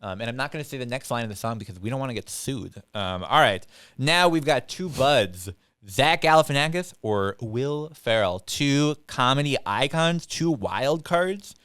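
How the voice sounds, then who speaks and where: A young man hosting a casual podcast chat, animated and quick, slipping into playful quoted voices. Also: medium pitch, clear, resonant tone, dry recording, studio quality. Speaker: podcast host.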